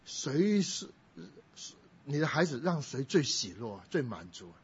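A man's voice: mid-range voice, big pitch swings, moderate pace, breathy edge. A middle-aged male pastor preaching a sermon, telling a family story and raising his voice when he quotes people. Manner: storytelling, quoting others in a raised voice. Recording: dull lo-fi recording.

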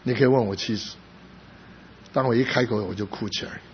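A middle-aged man preaching a sermon as a pastor, telling a personal story with rising emphasis and sudden soft drops. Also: medium pitch, brisk. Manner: emotional storytelling, rising to loud emphasis then dropping soft. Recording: slightly dull recording with faint background noise.

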